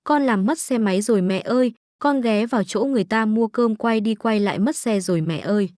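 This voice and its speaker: A woman's voice: on the high side, brisk, a little mellow, no room sound, clean studio sound, natural voice. A woman reading the part of a young factory worker who pleads with her mother in a choked voice. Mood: tearful. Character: young woman, a homesick worker, tearful daughter.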